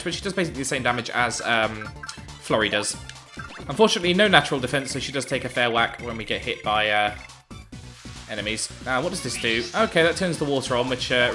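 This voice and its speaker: A man giving casual, amused commentary over a video game playthrough, with frequent ums and uhs. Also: mid-range voice. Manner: chatty, amused, hesitant with many ums. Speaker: let's play commentator.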